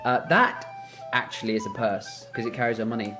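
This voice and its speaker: Very low-voiced British woman. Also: fairly quick, over music. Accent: British English, from England. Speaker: quiz presenter. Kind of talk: casual question-and-answer chat.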